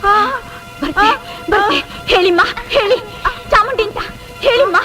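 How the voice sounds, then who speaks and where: An actress playing a feeble old grandmother who laments slowly in a comic film. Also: extremely high pitch, expressive, over loud music, rough recording. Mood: lamenting. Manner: slow, lamenting.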